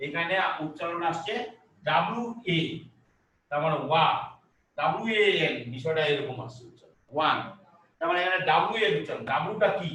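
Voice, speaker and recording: A male teacher explains grammar in a halting way, with many filler sounds and restarts, and asks rhetorical questions. His voice sits a little high and he stands well back from the mic in a strongly echoing room, with faint noise behind him. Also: bright, forceful tone. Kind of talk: grammar lesson at a board. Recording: echoey room, voice from some distance.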